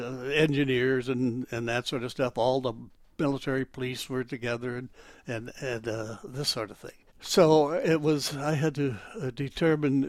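An elderly man, a retired military veteran, reminiscing in an interview in a rambling, halting way as he searches for details. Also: mid-range voice, no echo. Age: elderly, 80s or older. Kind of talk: oral history interview, reminiscing.

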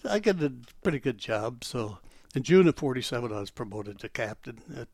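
Old veteran guy remembering stuff in an interview, rambly and halting, normal pitch, dry room sound. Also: animated, a little mellow, dry recording. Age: elderly, 80s or older. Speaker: interviewee, retired military officer and war veteran. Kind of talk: oral history interview, reminiscing.

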